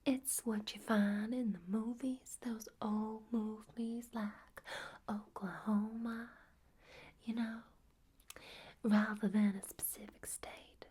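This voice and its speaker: A woman voicing a genteel Southern belle with an American Southern accent, whispering softly with endearments. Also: fairly high pitch, little pitch movement, slow pace, slightly rough. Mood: soothing. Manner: soft whisper, endearments like darling. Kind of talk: ASMR accent roleplay.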